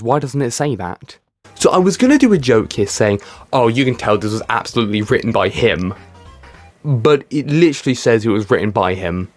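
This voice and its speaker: A young man from Britain giving casual, sarcastic commentary as he reads comments aloud and mocks what he finds. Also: mid-range voice. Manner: sarcastic, mocking, swears freely. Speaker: YouTube commentary creator.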